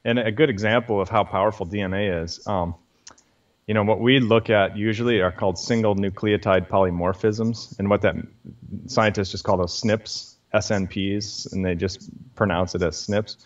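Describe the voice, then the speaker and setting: Low-voiced man explaining science patiently. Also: fairly even intonation, normal speed, dull audio. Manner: explains patiently with frequent fillers. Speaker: guest scientist. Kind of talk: explanatory interview talk.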